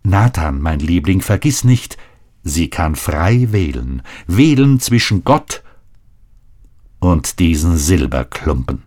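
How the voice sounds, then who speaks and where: A man reading aloud, voicing a gentle but firm mother calming her husband. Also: sits low, takes it slowly, heavily acted. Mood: soothing.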